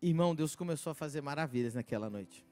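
A high-pitched man preaches a sermon, telling his story with theatrical energy. He jumps from loud, ringing declarations to quiet, confiding asides and acts out the voices of people in the story. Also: fast, soft background music. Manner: animated storytelling, acting out quotes, swinging from shouts to hushed asides. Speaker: pastor. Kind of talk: sermon testimony.

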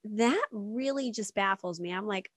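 A woman's voice: medium pitch, a little slow, no room sound. A woman co-hosting a podcast, chatting casually and bluntly, laughing often and teasing her co-host. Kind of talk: casual chat.

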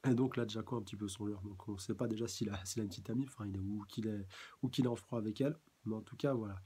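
Mellow, husky-voiced man reviewing manga. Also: lowish voice, steady tone, racing. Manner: hesitant, many fillers and restarts, chuckles often. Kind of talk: casual live chapter review.

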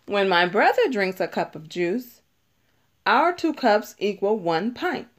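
Reading a children's picture book aloud, a woman uses a mid-pitched voice with very varied intonation and big pitch swings. She takes an unhurried, instructional pace and clearly stresses the important words.

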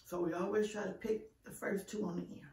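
A woman's voice: medium pitch, steady tone, a little fast, warm tone. A middle-aged woman telling stories casually while eating, her mouth sometimes full. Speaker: vlogger. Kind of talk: casual chit-chat storytelling during an eating show. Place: indoor room, green-screen backdrop. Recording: roomy echo, distant microphone.

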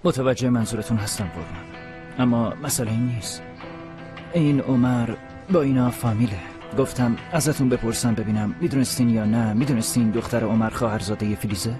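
A man's voice: medium pitch, music in the background, close to an everyday voice. A man dubbing a vengeful policeman. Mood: deferential. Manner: bitter, grovels to superiors. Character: vengeful, spiteful young policeman. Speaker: police officer. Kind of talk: dubbed TV drama.

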